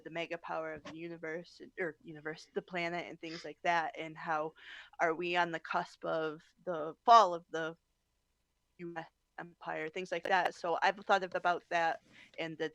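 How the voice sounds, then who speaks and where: Creaky, flat-toned speaker in casual chat. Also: mid-range voice, normal speed, no echo.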